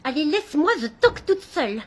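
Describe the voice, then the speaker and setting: Woman sketch performer, very high voice, cheeky backtalk. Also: sing-song, a little fast, very noisy. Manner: cheeky, retorting. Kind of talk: comedy sketch acting.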